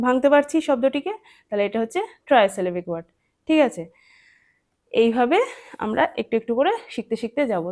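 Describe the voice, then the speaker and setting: A woman teaching a children's English lesson, patient and clear, asking questions and answering them herself and spelling words out letter by letter. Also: high-pitched, darkish tone. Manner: patient, asks and answers her own questions.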